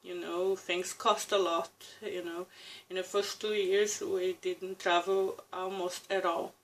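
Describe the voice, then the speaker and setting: Her pitch fairly low and her tone level, a Brazilian woman in her thirties reflects on personal topics while talking to camera for her vlog. She has a Brazilian Portuguese accent, pauses and restarts, and laughs softly. The audio is poor.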